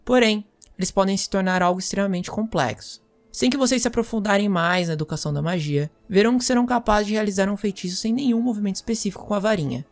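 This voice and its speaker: A woman playing a magic teacher, lecturing students in a measured, explanatory way. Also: mid-range voice. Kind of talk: scripted role-play lecture.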